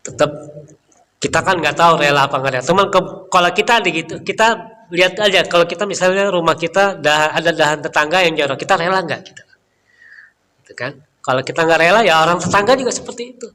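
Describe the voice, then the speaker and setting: A middle-aged man giving a relaxed, chatty Islamic study talk in a mosque, often tagging his sentences with filler words. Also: fairly high pitch, fast. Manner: chatty, leans on filler tags. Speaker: Islamic preacher. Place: mosque hall. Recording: reverberant hall, faint room ambience.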